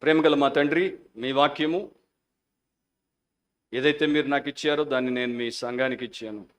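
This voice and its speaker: A man preaching a Sunday sermon as a pastor, passionate at the peaks and hushed in prayer, mixing English phrases into his Telugu. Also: medium pitch, fairly even intonation, moderate pace. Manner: fervent preaching, shifting into quiet prayer.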